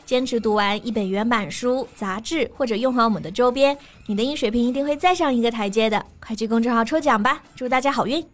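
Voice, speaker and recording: A young woman co-hosting a bilingual English-teaching podcast, explaining pronunciation steadily and clearly and spelling words out. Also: fairly high pitch, quick pace, few pauses. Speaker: podcast co-host.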